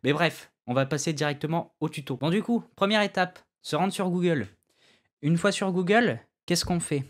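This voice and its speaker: A man's voice: fairly high pitch, normal speed. A man giving a casual, slangy gaming tutorial, talking loosely with self-mocking asides. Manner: loose, slangy, with many fillers and restarts. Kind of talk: casual screen-recorded tutorial.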